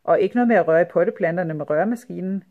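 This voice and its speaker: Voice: mid-range voice, phone-quality sound, close to an everyday voice. Reader doing a stern suspicious mother. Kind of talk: storybook reading.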